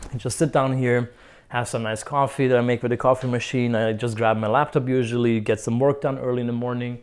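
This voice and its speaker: Speaking in a mid-range voice over slight background noise, a young man from Croatia gives a relaxed vlog tour of his indoor apartment, frequently joking and laughing.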